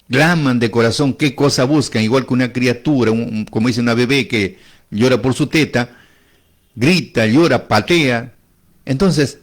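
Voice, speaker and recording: A man preaching a sermon, repeating phrases for emphasis and asking rising rhetorical questions. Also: medium pitch.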